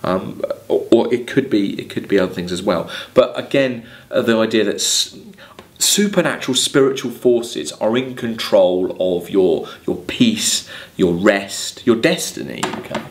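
This lecturer, an English-accented man in his thirties, has a voice on the low side that is animated yet measured in pace. He sits at a desk in a small plain room reading verse aloud and exploring its meaning hesitantly.

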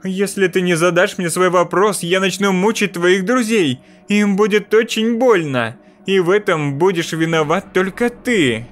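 A man's voice: high-pitched, pitched above the performer's own voice. Man putting on a menacing mirror spirit woman. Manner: slow, loud and menacing. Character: sinister female spirit in a mirror.

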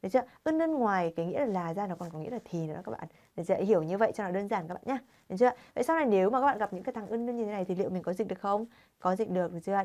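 A woman's voice: medium pitch, darkish tone. A woman teaching a Korean grammar lesson to learners, constantly quizzing viewers with rhetorical questions.

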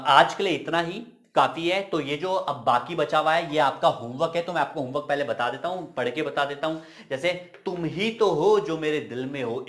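A man's voice: on the high side, a bit bright. A young man teaching English grammar in casual spoken Hindi, chatty, asking and answering his own questions.

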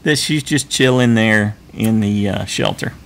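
A man's voice: lowish voice, a little slow, creaky. A man co-hosting a podcast, recapping a reality show in casual, teasing chat. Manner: chatty, teasing, laughs often. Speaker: podcast co-host.

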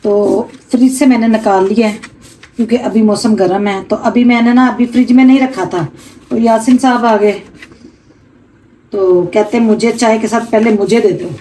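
Homely middle-aged woman vlogger, mellow voice, kitchen narration, faint room hum. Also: on the high side, steady tone, moderate pace, rough recording. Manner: chatty, homely, addresses viewers as family. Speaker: cooking vlogger. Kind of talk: casual cooking vlog narration. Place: home kitchen.

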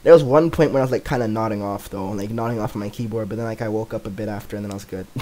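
A man's voice: lowish voice, fast, background noise. Laid-back young man rambling about gaming. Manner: filler-heavy rambling, "like" everywhere; chuckles often. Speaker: gaming YouTuber. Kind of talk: casual gameplay commentary.

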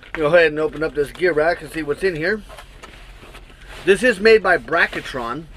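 Recorded by the built-in mic of an action camera fixed to the wall of his small sleeper cab, a trucker in his thirties casually unboxes and reviews gear, rambling with many fillers as he thinks aloud. His voice is fairly high and fairly bright, with a little hiss or hum in the audio.

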